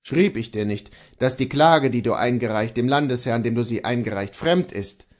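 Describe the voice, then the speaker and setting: A man's voice: medium pitch, normal speed, lightly acted. A man reading the part of a stern, indignant male church reformer, scolding in thundering rebukes. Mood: indignant wrath.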